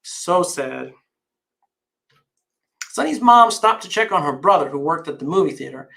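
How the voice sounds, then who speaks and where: Guy reading a kids picture book out loud, playful, pace all over. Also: a little high, fast, vocal fry, rough recording. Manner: lively, playful, changes pace often. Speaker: author reading his picture book to children. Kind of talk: storybook read-aloud.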